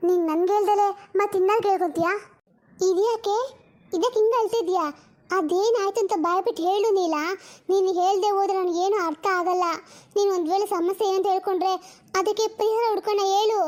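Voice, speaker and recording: A woman's voice: extremely high pitch, steady tone, fast talker, a little mellow. A woman voicing a worried elder sister who works as a poor housemaid and lectures her younger sister with proverbs. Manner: lectures and scolds, uses proverbs.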